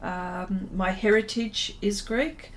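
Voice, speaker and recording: Reading viewer comments aloud and responding, this Australian artist in middle age rambles casually on her livestream, often trailing off. She has a medium pitch and fairly even intonation, speaks at a slow pace, and there's slight background noise.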